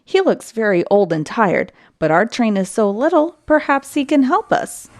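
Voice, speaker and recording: A woman's voice: fairly high pitch, very animated, normal speed, darkish tone. A woman voicing a cheerful, hopeful little male toy clown in a storybook, calling out eagerly.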